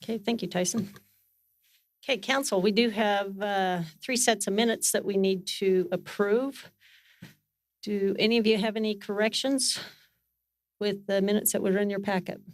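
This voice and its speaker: A woman chairing a council meeting in a formal but unscripted way, with halting phrasing and self-corrections. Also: mid-range voice, fairly even intonation, dry recording. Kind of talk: formal meeting facilitation, partly off the cuff. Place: council meeting room, speaking into a microphone.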